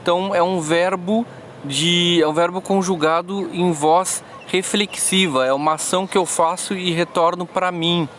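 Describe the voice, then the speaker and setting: Halting man explaining slowly. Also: high voice, fairly even intonation, fairly bright tone, slight background noise. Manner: slow, halting explanations with frequent restarts. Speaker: language teacher. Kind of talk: screen-recorded app tutorial.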